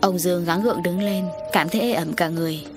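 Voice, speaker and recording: A woman narrating a village ghost story in a steady, dramatic reading. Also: lowish voice, quick pace, over music. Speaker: audiobook narrator.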